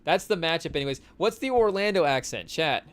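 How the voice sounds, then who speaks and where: Young male podcast co-host, slightly high voice, casual rambling sports chat with jokey asides to live viewers. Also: lively intonation, fairly quick. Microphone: studio mic on a live stream.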